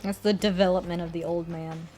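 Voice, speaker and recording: A woman's voice: on the low side, fairly even intonation, fairly quick, warm tone, soft background music. Rambling young woman streamer. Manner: rambling, self-correcting, laughs often. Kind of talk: casual chat while drawing.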